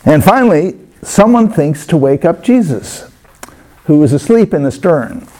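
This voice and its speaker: A man preaching a sermon as a pastor, telling stories in a conversational way with many pauses. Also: a little high, big pitch swings, mellow.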